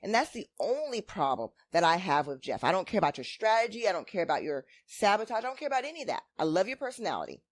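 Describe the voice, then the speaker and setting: A woman's voice: medium pitch, sing-song, fast talker, few pauses. A woman chatting casually as a co-host, giving opinionated recap commentary in a blunt, emphatic, sassy way.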